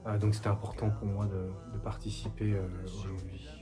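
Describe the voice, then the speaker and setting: A man in his forties from France, a songwriter giving a recorded support message in a soft, hesitant way with many pauses. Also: on the low side, little pitch movement, music in the background. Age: 40s. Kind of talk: recorded video testimony.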